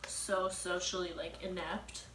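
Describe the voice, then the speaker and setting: A woman's voice: fairly low pitch, flat delivery, measured pace, fairly bright tone. A young woman chatting casually in a frank, slangy, conversational way. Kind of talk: casual chat. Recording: echoey, distant mic, clearly noisy room.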